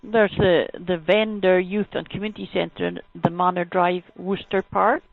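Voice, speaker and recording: A helpline adviser for sexual health talks callers through things in a plain, matter-of-fact manner. Her voice is fairly low and creaky, with fairly even intonation and normal speed, on a muffled, tinny phone line without echo.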